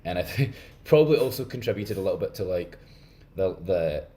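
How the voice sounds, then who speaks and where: A man's voice: low-pitched, animated, a little fast, mellow. A Scottish man co-hosting a podcast, talking casually about film with many fillers and restarts. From Scotland. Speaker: podcast co-host.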